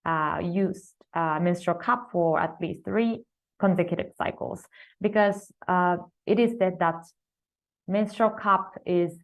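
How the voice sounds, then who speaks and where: A woman's voice: on the low side, slow, vocal fry. Hesitant woman presenting her research. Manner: hesitant, many fillers and restarts. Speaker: student conference presenter.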